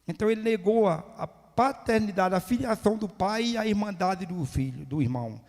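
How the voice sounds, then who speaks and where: High-voiced preacher in a reverberant hall. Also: male voice, animated, fairly quick. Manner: emphatic, rising to near-shouting at climaxes, rhetorical questions. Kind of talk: sermon. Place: church hall. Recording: long reverb of a church hall.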